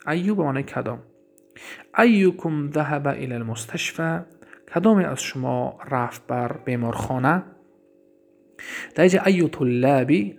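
A man with a Tajik accent teaching Arabic grammar in a class, reading each example slowly and then explaining it. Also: a little high, vocal fry.

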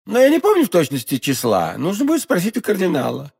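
A man's voice: high voice, huge pitch swings, fast talker, vocal fry, darkish tone, husky, voice pushed up, exaggerated voice. A man reading an audiobook, voicing a cold, cruel king who speaks curtly. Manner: cold, curt.

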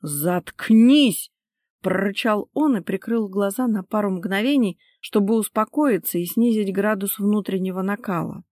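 A woman's voice: medium pitch, normal speed, a little mellow, no echo. Woman narrating a novel, dry sound. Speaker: audiobook narrator.

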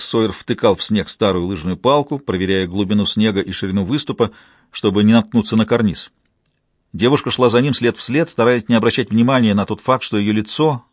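A man reading an audiobook in even, measured scripted narration. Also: on the low side, no room sound, clean studio sound.

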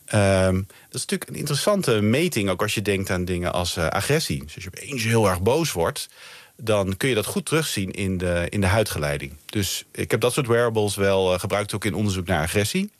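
A man's voice: on the low side, animated, brisk, dry recording. A Dutch-accented man, a researcher guest on a night radio interview, explaining thoughtfully with many fillers and restarts. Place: radio studio. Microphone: studio mic.

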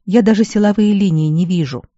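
A woman's voice: mid-range voice, brisk, dark tone, no room sound, muffled recording, close to an everyday voice. A reader doing a wounded young battle mage woman. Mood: bitter. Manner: weak, remorseful, bitter. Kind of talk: audiobook character voice.

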